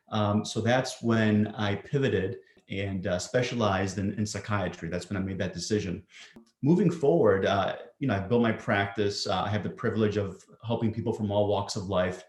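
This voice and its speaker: A male psychiatrist answering interview questions thoughtfully, often pausing with ums and restarting sentences. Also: on the low side, a little mellow. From Greece. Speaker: psychiatrist guest. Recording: roomy echo.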